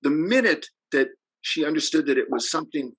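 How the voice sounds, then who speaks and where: A man's voice: fairly high pitch, lively intonation, a little fast, fairly bright tone, husky, poor audio. A middle-aged man giving a training over a video call, telling stories in a conversational way and asking the audience questions. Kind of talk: presentation.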